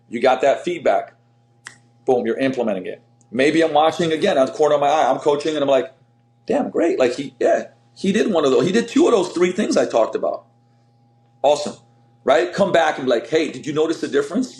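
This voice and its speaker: A middle-aged Slovenian fitness coach, appearing as a guest, speaks at an ordinary pitch in a casual interview. He's brisk, energetic and rambling, uses lots of fillers, and keeps restarting his sentences. The room adds a noticeable echo to the recording.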